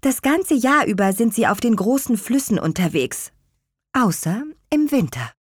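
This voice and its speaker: A woman voicing a calm, kind witch in a children's audio story, speaking reassuringly. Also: on the high side, moderate pace, breathy edge, dry recording, clean studio sound. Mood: explaining.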